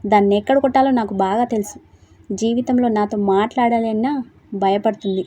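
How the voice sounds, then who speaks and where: A woman voicing a hurt, fiery young wife who shouts and argues indignantly. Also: a little high, fairly even intonation, fairly quick, no room sound, natural voice. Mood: resolute.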